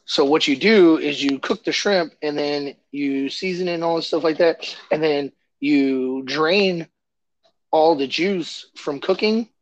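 A man's voice: fairly high pitch, measured pace, no echo, muffled recording. A man co-hosting a podcast in casual chat, rambling loosely with lots of fillers and restarts. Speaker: podcast co-host.

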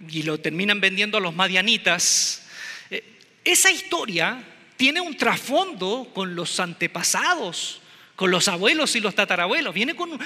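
A man's voice: high voice, bright, forceful tone. A man preaching a sermon in a humorous, conversational way, asking the congregation questions. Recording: echoey hall.

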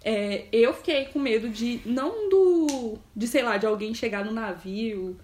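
A woman's voice: on the high side, darkish tone, slight background noise. A young woman, chatting and joking with friends. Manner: chatty, quick to joke and tease. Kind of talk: casual chat among friends. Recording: echoey room.

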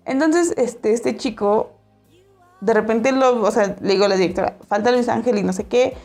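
A young woman with a Mexican accent telling a personal story in a casual, animated way, acting out the voices she quotes. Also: on the high side, moderate pace, soft background music. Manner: animated, acts out quoted voices, laughs often.

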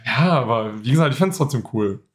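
A man's voice: mid-range voice, a little fast. Young man chatting in youth slang. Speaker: podcast co-host. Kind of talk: casual chat.

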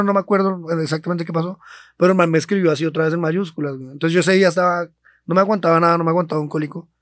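A man's voice: on the high side, no room sound, studio quality. A young man with a Colombian accent, co-hosting a podcast. He tells a long story in loose slang, swearing freely. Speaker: podcast co-host. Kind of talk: casual storytelling chat.

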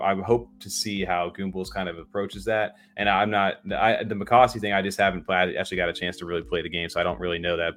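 A man's voice: low voice, a bit bright. A man co-hosting a livestream, chatting casually with lots of fillers and restarts. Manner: rambling, many fillers and restarts. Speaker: livestream co-host. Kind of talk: casual chat.

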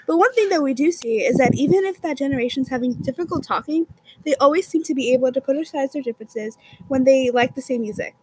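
A young woman as a guest on a scripted mock talk show, speaking earnestly and pausing to find her words. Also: high-pitched, no echo.

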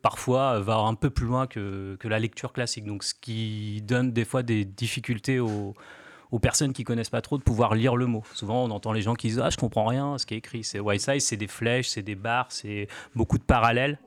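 A man in his forties, a graffiti artist guest on a radio show, explaining slowly with many fillers and restarts. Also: lowish voice, fairly even intonation, no room sound. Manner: hesitant, many fillers and restarts, laughs lightly. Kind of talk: casual radio interview.

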